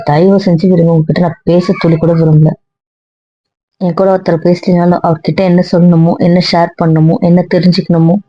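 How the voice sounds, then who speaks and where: ஒரு பெண் நடிகை, தன்னை நியாயப்படுத்திப் பிடிவாதமாகப் பேசும் மனம் உடைந்த இளம் பெண்ணாக நடிக்கிறார். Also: female voice, on the low side, no echo, close to an everyday voice. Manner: emotional, insistent, repetitive. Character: hurt young woman defending her refuge. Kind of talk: web serial monologue. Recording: dry dull lo-fi sound.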